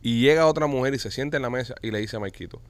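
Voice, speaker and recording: A man's voice: mid-range voice, rapid-fire, no room sound. A man hosting a casual podcast chat, rambling and joking with his guests. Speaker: podcast host.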